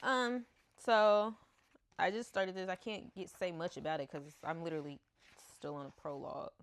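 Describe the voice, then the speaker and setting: A woman's voice: fairly low pitch, fairly even intonation, normal speed. A woman in her thirties from the United States, a book vlogger chatting casually at home into a camera mic, laughing often and stumbling over names. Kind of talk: casual chat.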